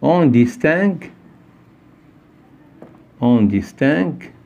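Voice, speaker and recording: A man's voice: medium pitch, lively intonation, very slow, gravelly, mellow, highs cut off. An older man teaching a French pronunciation lesson, patiently repeating himself, checking that everyone follows and quizzing a young pupil. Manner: questions and praises a child pupil.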